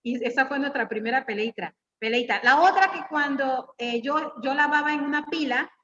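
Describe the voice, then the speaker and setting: A middle-aged woman with a high voice gives a homey, teasing sermon, firing questions straight at the women in front of her. The sound is dull and lo-fi, with a long echo from a church hall. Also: normal speed, slight background noise. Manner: lively, teasing, questions the audience directly. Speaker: guest speaker at church women's meeting. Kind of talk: informal preaching with personal stories.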